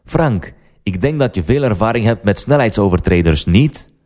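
A man's voice: on the low side, animated, normal speed, darkish tone, natural voice. A man voicing a polite, eager young man in a language-learning story.

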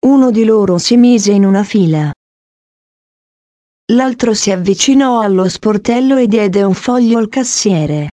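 A woman narrating a short story in a slow, careful reading style. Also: mid-range voice, lively intonation, mellow, no echo, clean studio sound.

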